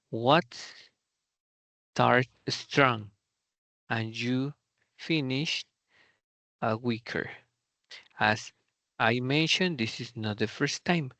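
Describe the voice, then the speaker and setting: A middle-aged man gives an online English lesson, talking slowly and carefully as he models how questions rise and fall. His voice sits at an ordinary pitch. It comes through a computer mic on a video call, close and dry with no room sound. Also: a bit bright, no room sound. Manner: slow, explanatory, modelling question intonation. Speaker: English teacher. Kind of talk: online class lecture.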